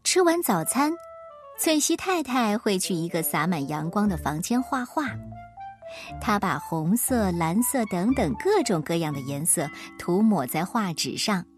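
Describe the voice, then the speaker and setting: A woman reading a children's picture book aloud in a lively, expressive way. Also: mid-range voice, measured pace, soft background music. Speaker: storyteller.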